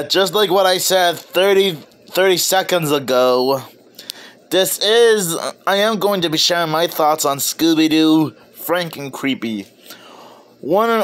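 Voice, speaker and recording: A man's voice: fairly high pitch, clear, resonant tone. A man chatting playfully as a movie reviewer in a casual video review, stumbling over words now and then.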